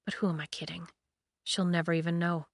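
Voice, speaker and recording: A surly young male guard who answers with dry sarcasm and open scorn. A woman reads him in her own register. The tone is bright and the sound is close and dry. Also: lowish voice, moderate pace, no echo, close to an everyday voice. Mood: bitter. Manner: sarcastic, dismissive.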